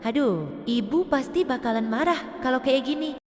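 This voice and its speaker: A woman's voice: sits high, animated, moderate pace, darkish tone, no room sound, clean studio sound. A woman voicing an exhausted young mother recovering from a caesarean, weary and pleading. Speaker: new mother.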